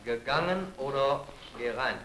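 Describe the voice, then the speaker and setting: A man interpreting live in a courtroom in short, halting phrases. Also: mid-range voice, animated, fairly bright tone. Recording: echoey archival courtroom audio, faint noise.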